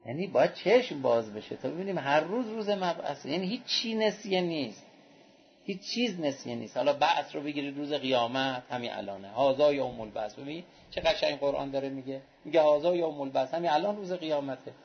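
A man's voice: lively intonation, highs cut off, slight background noise. A man preaching a sermon, telling anecdotes and acting out the people he quotes. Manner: storytelling, acts out quoted speech with raised pitch.

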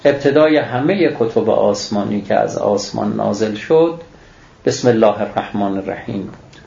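In this scripture lecture, the speaker's fairly low, dark voice carries vocal fry as he recites Arabic and then explains it. He poses rhetorical questions and answers them himself, and the audio sounds echoey and dull.

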